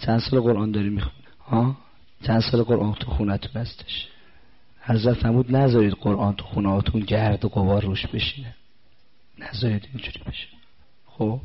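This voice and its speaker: A man delivers a sermon in a low, husky voice, pressing his listeners with direct questions. He slows right down whenever he recites scripture. The recording sounds dull and lo-fi. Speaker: religious preacher.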